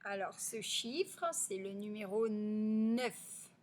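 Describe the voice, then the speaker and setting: A woman teaching a phonics review to young children. She stretches out the words and drops to a near whisper on the answers. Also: medium pitch. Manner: slow, stretched-out sounding of syllables.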